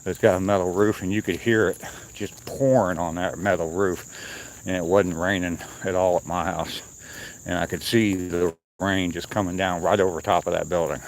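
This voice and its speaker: A man with a low voice is walking and talking on a trail in the woods. He chats casually to his stream in an unscripted way, pausing as he goes. Faint outdoor noise and insects sit behind him. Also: steady tone, low-quality recording. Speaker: livestreamer on a morning walk. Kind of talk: casual chat to viewers.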